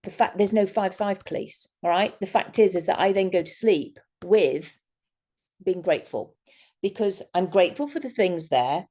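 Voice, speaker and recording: A woman's voice: mid-range voice, moderate pace. A woman hypnotist talking casually to a workshop group, acting out people's reactions as she explains techniques. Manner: animated, acts out quoted reactions.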